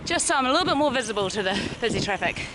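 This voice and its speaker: Upbeat New Zealand mum cycling vlogger. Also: female voice, fairly high pitch, animated, very fast, noisy background. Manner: chatty, upbeat, talks while cycling. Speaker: vlogger, mother on a family bike trip. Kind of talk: casual travel vlog narration. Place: outdoors on country roads and trails.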